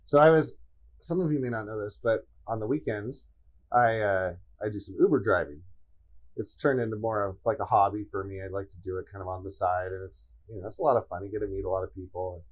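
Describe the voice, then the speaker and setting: As co-host of a casual podcast, a man tells relaxed stories and laughs easily. His voice is on the low side and fast, and the recording quality is low.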